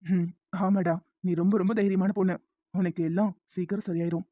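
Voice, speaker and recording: A woman's voice: on the low side, flat delivery, brisk, dry recording, natural voice. A woman voicing a caring, protective husband who talks in a soothing, firm way, on a dull lo-fi recording. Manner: soothing, then curt and evasive. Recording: dull lo-fi sound.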